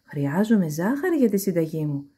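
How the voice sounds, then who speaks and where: A woman's voice: lowish voice, big pitch swings, dark tone, husky. A woman voicing a hungry but kind male wolf in a storybook, earnest and a little grumbling.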